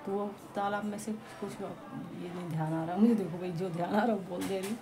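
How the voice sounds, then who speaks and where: A woman casually telling a devotional folk tale to listeners around her, in a chatty, halting way with restarts and asides. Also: medium pitch, steady tone, over music. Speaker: storyteller. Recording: home recording with clear background noise.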